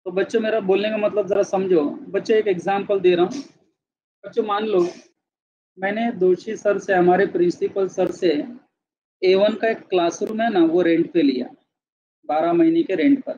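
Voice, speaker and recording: A man with a fairly high voice teaches a class in a lecture style, moving back and forth between Hindi and English. He keeps asking the students whether they follow. The recording is a bit dull and lo-fi, made in a classroom. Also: steady tone, moderate pace, pauses often, mellow.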